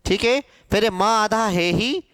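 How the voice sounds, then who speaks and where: A male Hindi teacher giving a grammar lesson to a class, asking questions and answering them himself, sounding out syllables slowly. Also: high-pitched, fairly bright tone, smooth, no echo, clean studio sound. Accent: Hindi, from central India.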